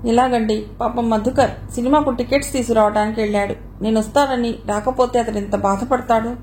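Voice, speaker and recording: A proud young woman who speaks coolly and plainly, even when she asks for something, as a woman narrator reads her. Her voice is fairly high and close to the reader's own. It is a storybook reading. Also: a little fast, a little hiss or hum, close to an everyday voice. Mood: dismissive. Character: proud young woman about to remarry, cool. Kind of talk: audio novel reading.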